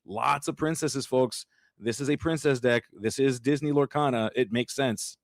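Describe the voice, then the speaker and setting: A man calls a card game match live, chatty and excitable, laughing often between plays. His voice sits mid-range and comes through dry and close. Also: mid-range voice, normal speed, no echo. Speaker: caster.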